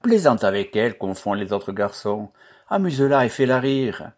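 A man's voice: on the low side, very animated, moderate pace, a little mellow. A man reading aloud, voicing a kindly old village father who speaks in a hearty, encouraging way.

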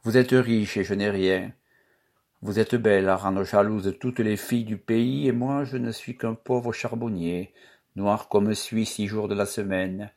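A man reading aloud, voicing a shy, earnest young charcoal burner who speaks softly. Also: fairly low pitch, steady tone, unhurried. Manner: soft, earnest.

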